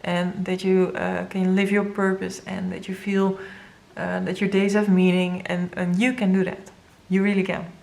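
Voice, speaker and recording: A woman with a Dutch first language giving an earnest, halting tarot reading to viewers, with many fillers and moments where she grows emotional. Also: medium pitch, completely flat delivery, gravelly, a little mellow. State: emotional, near tears. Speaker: tarot reader.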